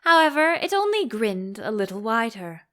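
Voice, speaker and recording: A woman reading a children's story as an audiobook narrator, in expressive scripted narration. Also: a little high, moderate pace.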